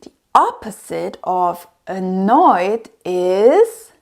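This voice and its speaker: Very slow, lively woman teaching toddlers. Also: mid-range voice, gravelly. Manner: sing-song, repeats words slowly for children to copy; exaggerated, encouraging questions. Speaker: presenter of a toddler learning show.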